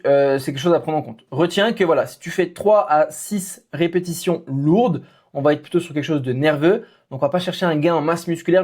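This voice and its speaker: A French-accented man talks as a running coach, addressing the listener directly in a loose, informal way. He speaks quickly, with a slightly high-pitched voice and plenty of filler sounds. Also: darkish tone. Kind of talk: casual explanatory talk to camera.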